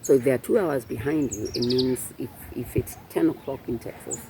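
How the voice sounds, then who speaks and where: A man's voice: medium pitch, brisk, background noise. A man being interviewed, explaining things patiently in a casual chat and laughing often. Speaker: guest.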